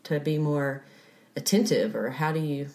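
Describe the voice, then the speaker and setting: A woman's voice: sits low, moderate pace, dark tone. A woman hosting a casual interview, asking questions and offering frequent encouraging affirmations. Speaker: host.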